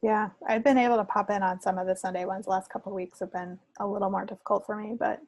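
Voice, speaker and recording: Quick-paced and steady, a woman's darkish mid-range voice carries friendly, unscripted conversation on the knitting and crafts podcast she co-hosts.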